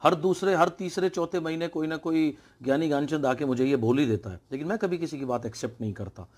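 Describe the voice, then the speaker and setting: A man's voice: on the high side, fast talker, a little mellow. A man telling a fable as a motivational speaker, emphatic, mixing English phrases into his talk. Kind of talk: motivational storytelling.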